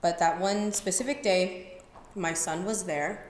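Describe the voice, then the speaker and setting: A woman's voice: on the low side, a little slow. A woman boxing coach, a guest on a podcast, talking candidly and easily about her own past in a casual interview. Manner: candid, talks openly and easily about hard personal history. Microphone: sits at a table mic in a podcast studio. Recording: very echoey room, faint background hiss.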